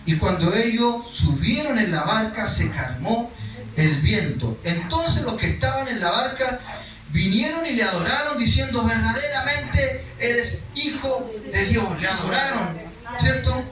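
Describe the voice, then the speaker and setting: High-voiced pastor preaching in an echoey hall. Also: male voice, animated, a little slow, pushed and bright, distant mic. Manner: reads scripture then explains it conversationally, acting out cries. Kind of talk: sermon. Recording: echoey hall, speaker away from the mic.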